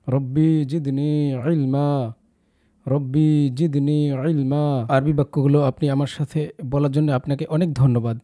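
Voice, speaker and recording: A young man teaching the Quranic alphabet, encouraging his listeners and drawing out each letter slowly. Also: medium pitch, warm tone. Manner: encouraging, slow drawn-out recitation of letters.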